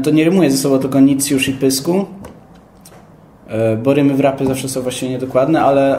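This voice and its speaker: Mellow young man in an echoey room. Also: mid-range voice. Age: young adult. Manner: thoughtful, explanatory. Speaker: interviewee, rapper. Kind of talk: casual interview. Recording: echoey room, faint background noise.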